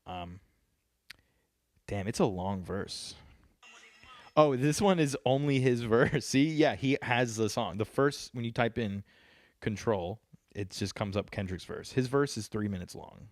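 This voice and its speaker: A man's voice: medium pitch, measured pace, no room sound. A man in his thirties hosting a podcast, rambling in casual chat with lots of swearing and jokes. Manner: rambling, profane, joking. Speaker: podcast host.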